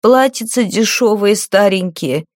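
A woman's voice: medium pitch, expressive, unhurried, dry recording, studio quality, natural voice. A woman voicing a kindly older huntsman. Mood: apologetic. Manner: hesitant, gently apologetic.

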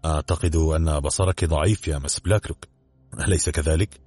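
A man voicing a sharp, blunt police inspector who questions people closely, in a storybook reading. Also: a bass voice, steady tone, a little fast, husky, dry recording, soft background music. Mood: probing.

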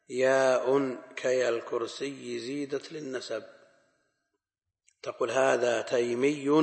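Man, scholarly lesson, gravelly voice, measured explanations, echoey hall recording. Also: mid-range voice. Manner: measured explanatory delivery, repeating phrases for emphasis. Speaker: Islamic scholar teaching hadith. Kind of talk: classical Arabic lesson explaining hadith. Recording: echoey hall with long reverb.

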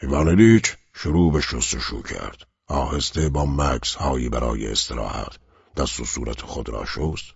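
A man narrates an audiobook in a grave, measured way. His voice is extremely deep and full of fry, with a very husky grain. It is recorded close and dry, and the sound is dull and lo-fi. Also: expressive, no echo. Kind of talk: scripted narration.

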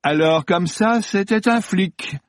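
A man puts on a vain, easily rattled male film star in an audiobook. The voice sits well above the reader's own, loud and shrill, swinging wildly between scorn and panic. A husky edge and a dry, close sound. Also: big pitch swings, normal speed, no echo. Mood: mocking. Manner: shrill, blustering then pleading. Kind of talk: audiobook character voice.

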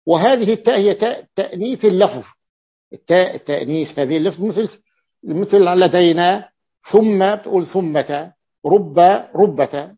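A man teaching a classical grammar lesson as a sheikh, deliberate and repeating key words, with an "ah" between points. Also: high-pitched, creaky, slightly rough. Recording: muffled lo-fi recording.

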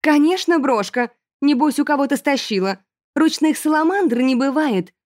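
A woman's voice: high-pitched, lively intonation, normal speed, dry recording, clean studio sound, pitched above the performer's own voice. Woman voicing a scornful, snooty noble girl. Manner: condescending.

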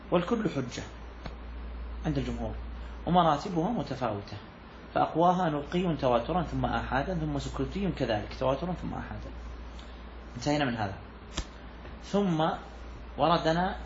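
A sheikh teaches Islamic jurisprudence to a class in a mid-range male voice, working through a classical legal text, repeating key phrases and questioning his students. The recording is muffled, with a little hiss or hum.

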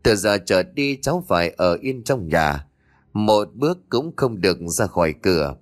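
A man voicing a calm, stern old village elder who talks in a grave, scolding grandfatherly tone. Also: lowish voice, normal speed. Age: older.

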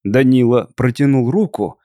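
A man narrating a classic tale as an audiobook, measured and dramatic. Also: mid-range voice, warm tone, dry recording, studio quality.

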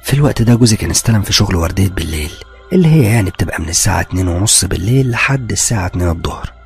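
A man with an Egyptian accent narrating a horror story at a rapid clip. His voice is gravelly, husky and fairly low, in a conversational first-person telling. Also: animated, soft background music. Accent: Egyptian Arabic.

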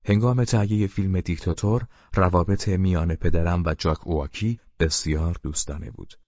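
A man with a very deep voice narrates an audiobook in a steady, measured way. The recording is dry and close with no room sound. It is a little dull and muffled. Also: dry recording.

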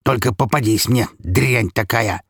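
A man voicing a brutal drunk middle-aged father in an audiobook, bellowing slow, menacing threats. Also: on the low side, vocal fry, husky, no echo, clean studio sound. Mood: raging. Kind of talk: audiobook character voice.

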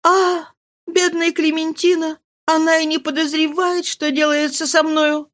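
A woman's voice: extremely high pitch, little pitch movement, a little slow, a bit bright, voice pushed up. A woman voicing a desperate young mother, anguished and imploring. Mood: urgent. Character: desperate pleading young mother, grief-stricken.

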